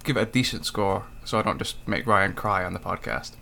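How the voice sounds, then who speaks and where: A man's voice: low-pitched, fairly quick, creaky, pushed and bright, slight background noise. A man co-hosting a casual music review podcast, blunt and dryly critical. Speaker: podcast co-host.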